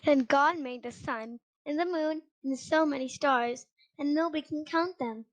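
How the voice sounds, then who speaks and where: A woman with a high voice reads a children's Bible story aloud, sometimes halting over words. The audio quality is poor.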